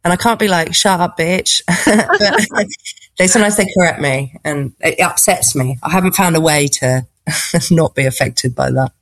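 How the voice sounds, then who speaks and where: With a fairly low pitch at normal speed and no echo, a woman from England speaks in posh RP. As a stand-up comedian guesting on an interview, she answers conversationally, reflective and hesitant, thinking aloud and groping for her words.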